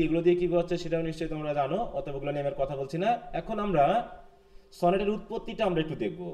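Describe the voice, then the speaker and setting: A man's voice: on the high side, warm tone. A man from Bangladesh teaching a live online class, questioning students and mixing English terms into his lecture.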